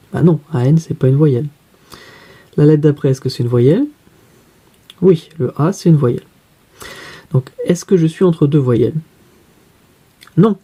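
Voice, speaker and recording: A man's voice: mid-range voice, mellow, breathy edge. A man teaching a spelling lesson, patiently walking through each step by asking and answering his own questions.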